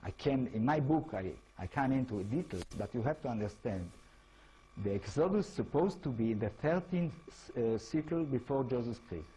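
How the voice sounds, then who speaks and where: A man's voice: mid-range voice, lively intonation, moderate pace, dark tone, slight background noise, low-quality recording. A man from Israel, speaking English with an Israeli accent, gives an informal lecture as an author and keeps asking his audience rhetorical questions. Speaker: author giving a talk.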